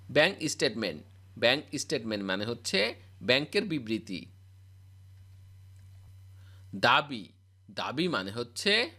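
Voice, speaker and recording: A man's voice: mid-range voice, sharp tone. A man reciting a scripted vocabulary drill as a spoken English teacher, repeating each word and its meaning.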